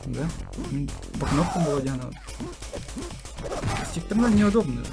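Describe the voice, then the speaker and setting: A man's voice: a little high, animated, a little slow, loud music behind the voice. A man with as his language, chatting casually with a friend over a video game and swearing freely. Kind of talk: casual gaming chat with a friend.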